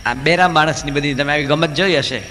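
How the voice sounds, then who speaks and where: A male monk delivering a humorous sermon, telling jokes and acting out the people in his stories. His voice is bright and forceful and sits a bit high. He speaks in a large hall with a long reverb and faint background noise. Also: brisk. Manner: joke-telling, lively storytelling that acts out characters.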